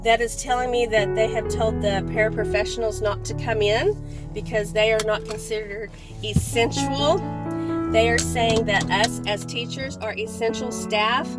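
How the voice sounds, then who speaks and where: A middle-aged woman talking casually and earnestly in a reflective vlog journal, recorded in a car with road noise. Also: on the high side. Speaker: classroom teacher, vlogger. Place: inside a car, driving on a commute. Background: road noise, music.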